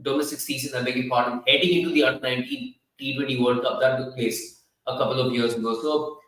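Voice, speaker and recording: A man's voice: mid-range voice, steady tone, fast talker, fairly bright tone. Echoey, distant Indian man analysing sport. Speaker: cricket analyst. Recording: very echoey room, distant from mic.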